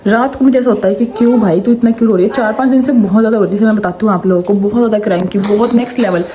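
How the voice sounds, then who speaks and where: A young mother vlogs casually around her home, chatting and venting, and slips into high sing-song baby talk with her daughter. She talks at a racing pace over a noisy background.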